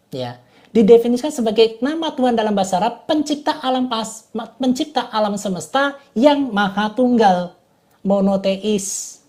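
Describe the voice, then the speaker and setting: A woman gives a casual online lecture over a computer mic. Her voice sits a little high yet sounds mellow and warm. She talks in a chatty, repetitive way, often asking whether everyone follows. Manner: chatty, repeats "gitu loh" and "Bapak Ibu". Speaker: online class teacher.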